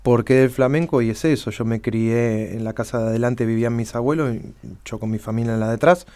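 A middle-aged flamenco musician from the Buenos Aires area of Argentina chats and reminisces as a guest in a casual conversational interview. He has a Buenos Aires Spanish accent, and his medium-pitched voice is mellow, smooth and brisk.

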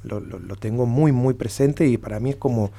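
Dark in tone and touched with vocal fry, this middle-aged man's medium-pitched voice keeps a moderate pace. He is an Argentine flamenco musician from Buenos Aires, reminiscing as a guest in a casual conversational interview, with a Buenos Aires Spanish accent.

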